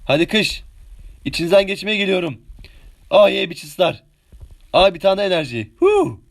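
Young male streamer, 18, high-pitched, excitable, chatty play-by-play with hummed sound effects. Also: normal speed, vocal fry. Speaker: game streamer. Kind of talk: live gameplay commentary.

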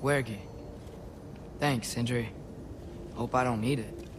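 An actor voicing an earnest, determined teenage boy hero in a video game cutscene, speaking slowly and carefully. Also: medium pitch, fairly even intonation, noisy background, natural voice.

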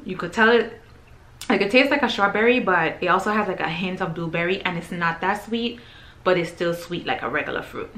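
A woman chatting casually to camera as she tastes and reviews groceries, describing each bite between pauses. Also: fairly low pitch, a bit bright. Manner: chatty, tasting and describing food between bites.

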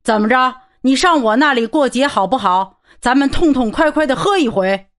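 A woman voicing a boisterous, red-nosed middle-aged man who shouts heartily in an audiobook. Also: high voice, sing-song, unhurried, voice pushed up. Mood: jovial shouting.

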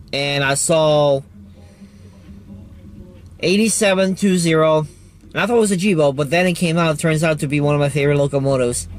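A man vlogging trackside outdoors on a handheld phone, gushing and excitable. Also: on the high side. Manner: excitable, gushing, loud whoops. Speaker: railfan vlogger. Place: outdoors by a railroad line near a store lot.

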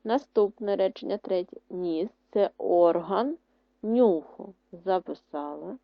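A woman teacher giving a primary school language lesson, dictating words slowly and clearly with strong stress on syllables. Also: medium pitch, dry recording. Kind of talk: online lesson explanation. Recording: dry, dull lo-fi sound.

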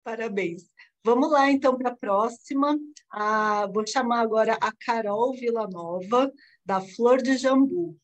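A woman hosts an online pitch event with upbeat, encouraging energy. Her voice sits a bit high. She speaks over a video call. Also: unhurried, low-quality recording. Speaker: event host. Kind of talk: hosting a live online event.

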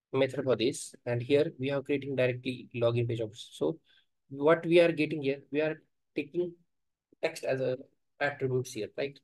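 Typing as he goes, a man teaches software testing on a screen recording, hesitating, thinking aloud and dropping in fillers often. Medium pitch, no room sound, poor audio.

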